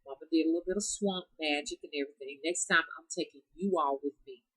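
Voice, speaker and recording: A spiritual practitioner vlogger chats casually and folksily with her viewers, calling herself Mama and addressing them as y'all. Her low, husky, slightly bright voice is fast and sounds nasal and congested from sinus trouble. The dry recording has poor audio.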